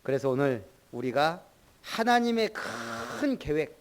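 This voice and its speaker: Pastor, middle-aged man, higher-pitched voice, chatty sermon delivery that quizzes the congregation by name. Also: big pitch swings, slow pace. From Jeolla, Korea.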